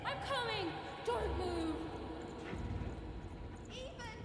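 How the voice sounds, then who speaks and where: A woman's voice: extremely high pitch, animated, very slow, full character voice. A woman voicing an anxious but plucky young girl in a video game. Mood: desperate, urgent. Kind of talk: scripted video game acting. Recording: loud music behind the voice.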